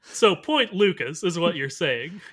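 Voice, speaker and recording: Male co-host, playful teasing banter, voice a touch higher than average. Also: lively intonation, a little slow, a bit bright. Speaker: podcast co-host. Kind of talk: casual chat.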